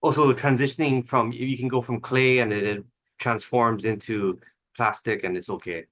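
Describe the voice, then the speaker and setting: A man's voice: mid-range voice, fairly even intonation, moderate pace, fairly bright tone, no room sound. Man chiming in over dull call audio. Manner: chimes in with follow-up questions. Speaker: participant in an investor group call. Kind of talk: casual chat on a video call. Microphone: video call.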